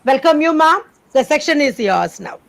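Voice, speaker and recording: A woman's voice: high voice, very animated, normal speed, vocal fry, low-quality recording. A woman hosting an online program, reading a guest's bio and giving participants instructions. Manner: reads a prepared bio, then gives instructions. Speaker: program host introducing speaker. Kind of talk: formal introduction and announcements.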